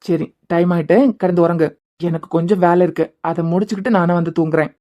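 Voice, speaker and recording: A performer voicing a tired young cartoon wife with a Kanyakumari Tamil accent, talking quickly and wearily. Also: medium pitch, flat delivery, dark tone, pitched below the performer's own voice, natural voice. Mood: weary.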